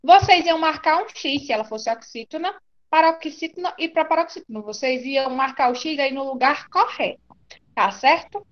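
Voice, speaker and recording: A woman's voice: high-pitched, animated, moderate pace, highs cut off. A woman with a Brazilian Portuguese accent teaching an online class, reassuring and often asking "tá certo?".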